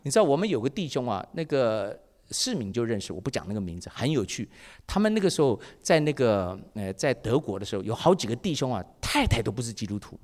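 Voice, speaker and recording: A man preaching a sermon as pastor, telling stories with acted dialogue in a lively way. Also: medium pitch, quick pace, in a large hall. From Taiwan.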